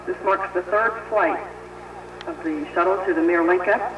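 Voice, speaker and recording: A man with a high voice gives launch countdown commentary at normal speed, breaking up over a crackly radio speaker. The playback is distant, echoey, lo-fi, and hissy.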